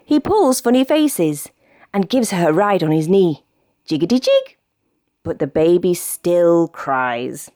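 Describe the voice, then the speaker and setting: Expressive British woman reading a storybook. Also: on the low side, takes it slowly, dry recording. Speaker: storybook reader. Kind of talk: children's bedtime story read-aloud.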